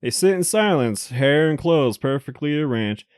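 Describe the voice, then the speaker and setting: A man's voice: on the high side, animated, normal speed, clear, resonant tone, dry recording, studio quality. A man hosting a let's play, reading a visual novel's narration aloud with amused laughs between passages. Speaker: let's play host reading the game text.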